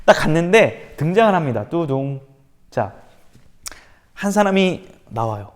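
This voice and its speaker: A male pastor giving a youth sermon, telling the story with animated, acted-out quotes. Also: on the high side, a little slow. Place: church room for online service.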